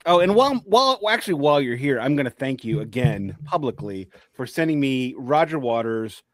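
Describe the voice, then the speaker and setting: A man's voice: mid-range voice, animated, brisk, no echo. Joking guy on a podcast, swears a lot, stammers and restarts, dry close mic. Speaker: podcast co-host. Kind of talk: casual chat.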